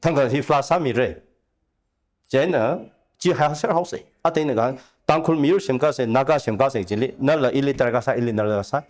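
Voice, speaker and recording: A man speaking at length as a talk show guest, giving long animated explanations with rising emphasis. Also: mid-range voice, fast. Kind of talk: conversational discussion.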